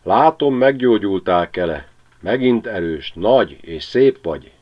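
A man voicing a humble old male sparrow who begs in a high, chirpy voice. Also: animated, muffled recording. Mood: pleading.

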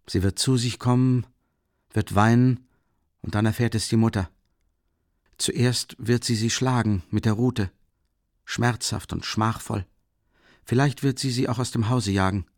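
A man's voice: medium pitch, steady tone, a little slow, long pauses, no room sound, clean studio sound, natural voice. A man reading a novel aloud, voicing a tormented young male student who swings between outbursts and bitter brooding. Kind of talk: audiobook character voice.

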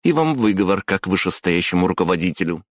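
A man's voice: sits low, big pitch swings, quick pace, no echo, studio quality, pitched above the performer's own voice. A man reading a story, voicing a cold, stern female senior manager who speaks in a commanding tone.

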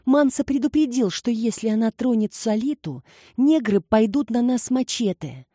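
A woman's voice: expressive, moderate pace, warm tone, dry recording, studio quality. A woman reading aloud, voicing a frightened, breathless young woman who pleads in a raised voice. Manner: high, pleading and panicky.

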